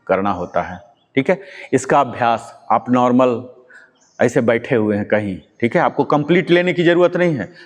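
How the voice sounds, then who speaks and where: Patient male yoga teacher, echoey hall. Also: on the high side. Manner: patient, repeats key words and quizzes students. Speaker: yoga instructor. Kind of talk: guided yoga class instruction. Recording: long hall reverb.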